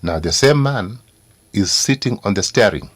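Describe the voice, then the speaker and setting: A man with a Kenyan accent, a studio guest on a morning radio show, speaking deliberately and insistently with many fillers. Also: on the low side, lively intonation, fairly bright tone, no room sound. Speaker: studio guest, party executive. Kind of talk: political talk show discussion.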